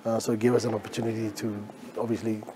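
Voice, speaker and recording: A man's voice: fairly low pitch, flat delivery, quick pace, background noise. A man from Ethiopia, an entrepreneur guest, answering interview questions in a matter-of-fact way with frequent fillers.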